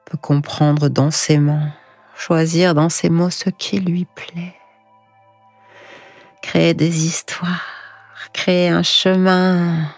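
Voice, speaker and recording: A woman guiding sleep hypnosis in a hushed, breathy, soothing voice, slow and whispered right in the listener's ear. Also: lowish voice, little pitch movement. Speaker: hypnosis guide. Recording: echoing voice over music. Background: music.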